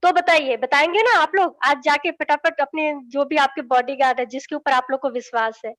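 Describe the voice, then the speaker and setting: A woman's voice: high voice, fairly quick, a bit bright. A young woman giving a lesson to children, in a coaxing, patient way, checking after nearly every sentence that they follow. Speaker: children's teacher.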